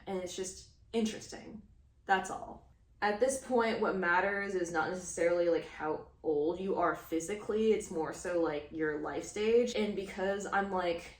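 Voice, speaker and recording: Woman, 30, casual crochet vlogger, lowish pitch, filler-heavy rambling, echoey room. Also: far from the mic. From Houston, Texas. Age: 30s. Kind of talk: casual chat.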